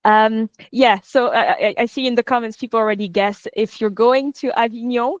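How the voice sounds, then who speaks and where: A woman's voice: a little high, steady tone, moderate pace, no echo. A woman with an Irish accent, a program coordinator giving a friendly online presentation, explaining step by step with filler sounds. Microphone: video call. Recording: dull lo-fi video call audio.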